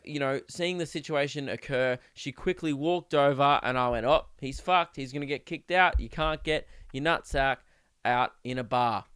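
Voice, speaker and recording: A man from Melbourne with an Australian accent, hosting his podcast and telling a comic story in an animated, slangy way. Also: a little high, clear, resonant tone, no echo, clean studio sound. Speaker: podcast host, comedian.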